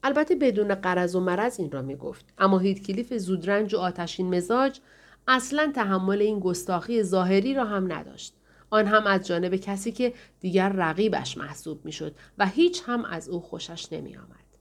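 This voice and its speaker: Woman, audiobook narrator, steady storytelling, mid-pitched voice. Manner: steady storytelling, voicing the characters in turn. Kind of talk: scripted narration.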